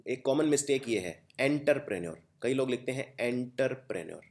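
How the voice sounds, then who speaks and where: A man's voice: mid-range voice, animated, normal speed, darkish tone. A young man with an Indian accent teaching exam vocabulary, explaining step by step and spelling words out letter by letter. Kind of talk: exam-prep vocabulary lesson.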